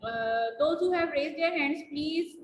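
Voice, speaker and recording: A woman with a high voice gives a biology lesson over a video call, repeating each definition patiently for her students. She sounds echoey in the room, with faint noise behind her. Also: unhurried. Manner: patient, repeats key points, addresses students as "beta". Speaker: biology teacher. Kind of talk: online class lecture.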